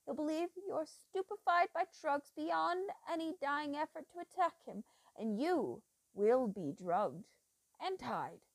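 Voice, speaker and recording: A woman voicing a treacherous old male doctor who talks in low, slow, intense murmurs that flare into sudden loud bursts. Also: expressive, no echo, heavily acted. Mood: menacing, obsessive.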